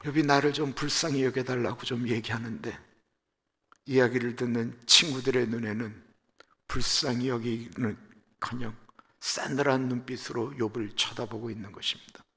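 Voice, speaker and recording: A man's voice: medium pitch, steady tone, moderate pace, sharp tone, slightly rough. A man, a pastor, preaching a sermon earnestly and asking his listeners rhetorical questions. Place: church sanctuary. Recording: echoey church sanctuary livestream.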